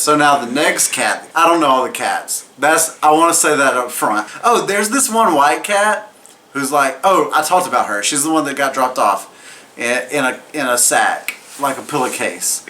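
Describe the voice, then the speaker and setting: Bright-voiced, tipsy, giggly man reviewing. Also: medium pitch, slight background noise. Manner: tipsy, getting drunker, rambling and giggly. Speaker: movie reviewer. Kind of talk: casual comedic film recap, profane.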